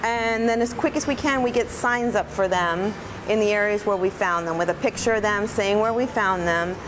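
A woman's voice: mid-range voice, normal speed, noisy background. A woman in her forties, a rescue volunteer administrator, chatting enthusiastically while giving a tour of a small kennel. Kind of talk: on-camera interview and tour. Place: small indoor kennel room. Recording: echoey room with music under it.

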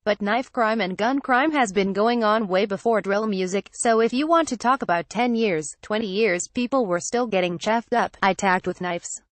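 A woman reading a news article aloud as scripted narration, in an even, flat delivery. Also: mid-range voice, normal speed, few pauses, no echo. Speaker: news reader.

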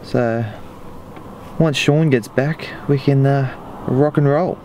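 A man's voice: mid-range voice, steady tone, takes it slowly. A young Australian man chatting casually in a car, joking and swearing bluntly. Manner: jokey and blunt, swears freely. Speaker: co-host. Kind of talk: casual vlog chat. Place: car interior. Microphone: action camera. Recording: faint car noise.

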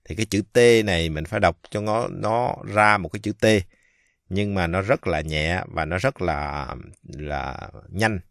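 A man from Vietnam giving a casual pronunciation lesson, speaking slowly and haltingly with many fillers and drawing out the example words. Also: deep voice, creaky, a bit bright, dry recording, clean studio sound. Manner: slow, halting, many fillers, repeats French words drawn out. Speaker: French teacher.

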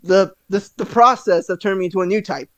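A man playing a tabletop game speaks in character, hesitant, chuckling and often restarting. His voice is high-pitched and a bit bright, and he talks fast.

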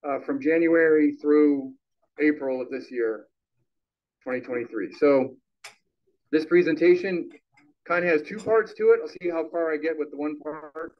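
A man giving a relaxed, conversational public talk into a handheld microphone in a small meeting hall. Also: a little high, moderate pace. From Chicago, Illinois. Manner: relaxed, conversational, laughs easily. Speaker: guest lecturer, sociology professor. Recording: dull lo-fi sound.

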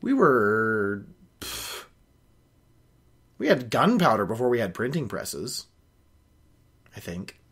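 A young adult host reads a novel on his book show from a small indoor home office, interrupting with opinionated nitpicks. His fairly low, husky voice is a bit bright and swings widely in pitch, and he takes it slowly with long pauses.

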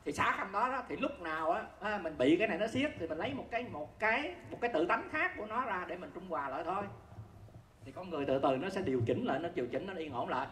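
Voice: medium pitch, fairly bright tone. Buddhist teacher, conversational dharma talk, asks listeners "see?", chuckles often, roomy echo. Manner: keeps asking listeners "see?", chuckles while explaining. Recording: roomy echo with faint background noise.

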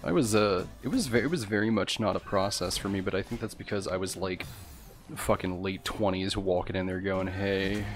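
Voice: low-pitched, moderate pace. A streamer chatting casually and swearing while playing a video game. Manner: swearing, joking, reacting to gameplay. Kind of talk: casual gaming chat. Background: faint game music.

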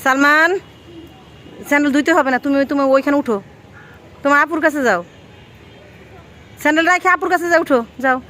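A woman with a high, light voice speaks in a casual, coaxing way, full of questions and gentle instructions. She records outdoors by the water on a handheld phone. A faint outdoor hum sits behind her. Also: fairly quick, pauses often. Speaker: vlogger. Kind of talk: casual vlog talk with a child.

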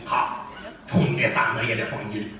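A man with a Beijing accent voicing a pompous old Qing official who speaks slowly and self-importantly, on an echoey stage recording. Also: on the low side, fairly even intonation, loud music behind the voice, pitched below the performer's own voice, lightly acted. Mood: pleased. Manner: slow, drawn-out, self-important. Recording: echoey stage audio from far off.

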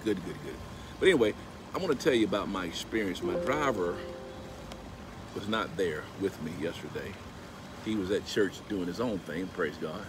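In this casual storytelling vlog shot outdoors by a pool at a house, a deep-voiced middle-aged man speaks at normal speed into a phone camera at arm's length. Animated throughout, he escalates into emphatic preaching as he quotes scripture, over steady background noise.

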